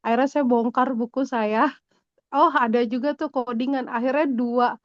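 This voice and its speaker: A woman's voice: on the high side, fairly even intonation, moderate pace, no echo, dull audio. Hesitant woman student on a call. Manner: hesitant, rambling, many fillers. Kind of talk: class discussion. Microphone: video call.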